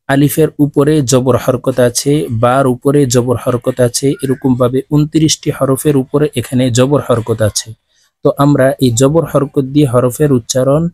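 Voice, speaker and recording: A man teaching Arabic letter pronunciation, drawing out each letter sound slowly for the class to repeat and explaining between the drills. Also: medium pitch, darkish tone, no echo. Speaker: Quran reading teacher. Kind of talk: recitation lesson.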